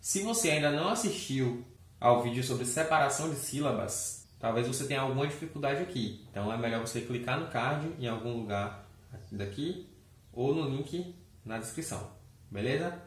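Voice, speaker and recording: A man's voice: medium pitch, lively intonation, moderate pace. A man teaching grammar in a video lesson, talking in a chatty, upbeat way and often checking in with the viewer. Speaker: Portuguese teacher. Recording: echoey room.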